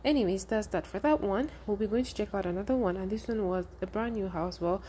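A woman's voice: medium pitch, fast talker, warm tone, a little hiss or hum. A woman vlogger narrating a rental house tour in a casual, chatty voice-over, full of "you know" fillers.

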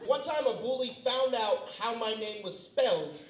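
A man tells deadpan stand-up stories on a club stage. His voice sits high for a man. The club echoes and the mic is distant. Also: normal speed, a faint crowd. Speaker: stand-up comedian. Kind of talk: stand-up routine.

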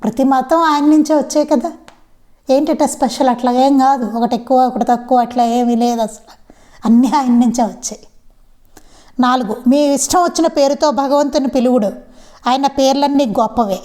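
A woman's voice: sits high, fairly even intonation, moderate pace, mellow. A woman giving a devotional satsang talk. She asks rhetorical questions and repeats the key lines again and again. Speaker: satsang speaker.

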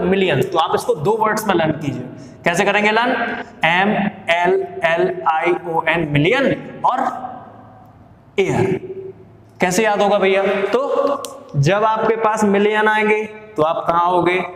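A man's voice: sits high, unhurried, fairly bright tone. A young Indian man teaching spelling tricks in a casual spoken lesson, often asking his own questions and then answering them. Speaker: exam coaching teacher. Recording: echoey room with long reverb.

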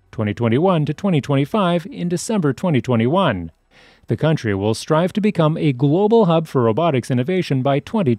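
A man with a fairly high voice reads a scripted news voice-over. His intonation rises and falls a lot, and the sound is dry, with no room echo. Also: darkish tone. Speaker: news narrator.

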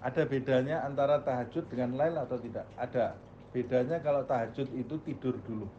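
A male religious teacher lectures at an ordinary middle pitch and keeps asking the room questions that he answers himself. The recording is slightly dull, with a faint hiss behind him. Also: a little fast. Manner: asks the audience questions and answers them himself. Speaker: Islamic teacher.

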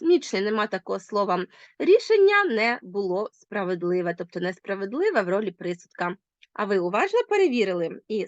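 Ukrainian lady teacher doing a video lesson, pitch jumps all over, dull dry sound. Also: no room sound. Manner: lively, addresses pupils directly with questions.

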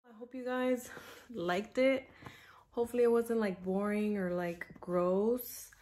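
A woman's voice: mid-range voice, steady tone, a little slow, warm tone. A young woman talking casually to her camera at home, chatty and frank, with lots of fillers. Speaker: vlogger. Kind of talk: casual vlog talk to camera.

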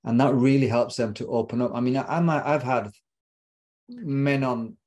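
A reflective, middle-aged British man speaks at a moderate pace with a medium-pitched, somewhat dark voice. He's a relationship coach appearing as a guest in a casual interview, repeating words as he searches for the right phrasing. He's on a video call from a room at home lined with bookshelves.

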